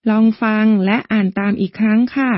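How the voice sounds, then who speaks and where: A language teacher reads a scripted pronunciation lesson, guiding listeners step by step in a polite, patient way. Her mid-range voice is steady and brisk. The recording is muffled but has no echo.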